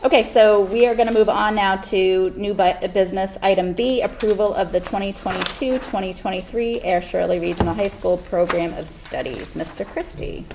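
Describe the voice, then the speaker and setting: Woman meeting chair, muffled like a bucket over her head, low gravelly voice, hesitant restarts. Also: normal speed, few pauses, a little mellow. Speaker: committee chair. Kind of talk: public meeting discussion. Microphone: laptop microphone across the room. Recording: noisy remote meeting audio from a laptop mic.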